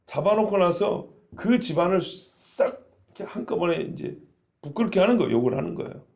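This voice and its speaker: A male pastor preaches with lively energy and keeps putting questions to his congregation. His voice is fairly high with a strong gravelly edge. The recording has a dull, lo-fi sound. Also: a little fast. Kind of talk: sermon.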